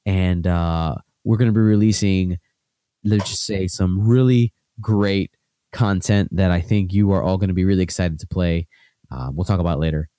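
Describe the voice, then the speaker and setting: A man co-hosting a podcast in casual chat, sounding nasal from a cold, relaxed and chuckling with lots of fillers. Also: low-pitched, moderate pace, dry recording. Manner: laid-back, chuckling, filler-heavy. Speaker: podcast co-host.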